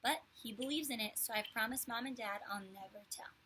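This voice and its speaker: A woman's voice: a little high, a little fast, sharp tone, a little hiss or hum, poor audio. A woman voicing an exasperated preteen older brother who speaks in a sarcastic, matter-of-fact way. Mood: knowing.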